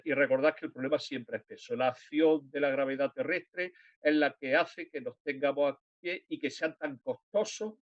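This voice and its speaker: On a live-streamed science panel, a man with a slightly high voice explains technical details step by step. The recording is dry and sounds dull.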